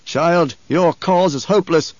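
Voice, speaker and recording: A man doing a loud, imperious emperor. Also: on the high side, unhurried, dry recording, pitched above the performer's own voice, lightly acted. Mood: commanding, angry. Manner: loud, commanding, scornful. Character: imperious, angry male emperor, threatening. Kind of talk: audiobook character voice. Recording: dull, dry studio recording.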